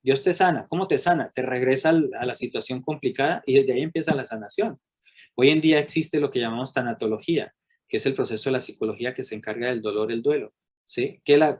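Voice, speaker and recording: Guy psychologist running a workshop, animated, keeps asking the group questions, mid pitch. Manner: animated, asks many rhetorical questions; acts out quoted people with raised voice. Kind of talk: workshop teaching.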